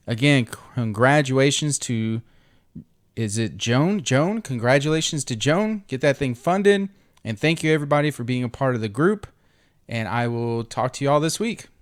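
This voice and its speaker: A man hosting an online group, making a casual, unscripted giveaway and sale announcement with an informal, halting delivery. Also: medium pitch, clean tone. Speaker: host of an online trading group.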